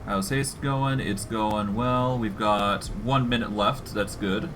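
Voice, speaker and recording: A man's voice: lowish voice, fairly even intonation, slow pace, noisy background. A man streaming a game, casually narrating his own moves as he goes. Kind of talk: casual live gameplay commentary.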